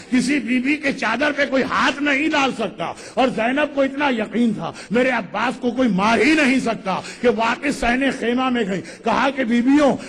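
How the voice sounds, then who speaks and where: Very high-pitched man preaching passionately. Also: a bit bright. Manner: dramatic storytelling, voicing the figures in quotes. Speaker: religious orator. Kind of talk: impassioned mourning sermon.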